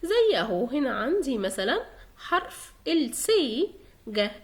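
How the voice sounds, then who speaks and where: Woman, Egyptian accent, high voice, very animated pitch, patient teacher repeating example words. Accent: Egyptian Arabic. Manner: patient, repeats each example word slowly. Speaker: German pronunciation teacher. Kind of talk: explanatory lesson in Egyptian Arabic.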